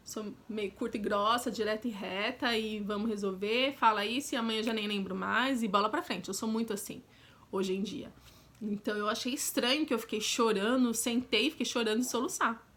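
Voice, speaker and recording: Chatty Brazilian woman, higher voice. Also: a little fast, a bit bright. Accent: Brazilian Portuguese. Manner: chatty and direct, with frequent asides to the viewer. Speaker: vlogger. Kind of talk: casual storytelling.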